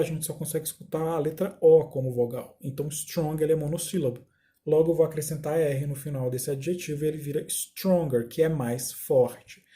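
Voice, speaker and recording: A man teaching a recorded lesson over slides. He reads the slide text aloud, restates it, and slows down to spell out each example. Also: a little high, warm tone. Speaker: English teacher.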